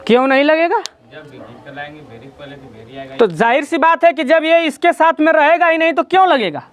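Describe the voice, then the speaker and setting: A man's voice: very high voice, animated, normal speed, fairly bright tone. A man teaching a grammar lesson in a classroom, explaining step by step and quizzing his students as he goes. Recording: dull lo-fi sound.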